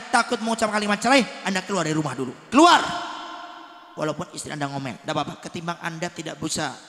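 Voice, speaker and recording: A male preacher giving a sermon to husbands, swinging from soft counsel to loud emphatic bursts. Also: sits high. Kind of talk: village sermon to married men. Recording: echoey hall with long reverb.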